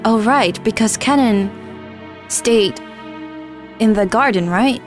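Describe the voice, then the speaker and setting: A woman's voice: fairly high pitch, takes it slowly, faint music behind. A woman streamer reading game narration aloud with earnest storytelling and wry asides.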